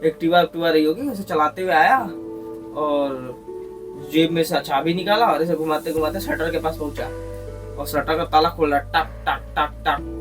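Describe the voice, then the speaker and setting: A young man with a Mumbai Hindi accent tells a ghost story in lively, crude street slang. His voice sits high and picks up some distance from the mic. Music plays clearly underneath. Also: normal speed. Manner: animated, slangy, crude humor. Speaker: podcast storyteller. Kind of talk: casual horror storytelling.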